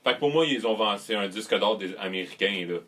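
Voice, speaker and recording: A man's voice: fairly low pitch, fast, sharp tone, a little hiss or hum. A man with a Quebec French accent co-hosting a podcast, chatty and wisecracking. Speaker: podcast co-host. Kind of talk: casual podcast banter.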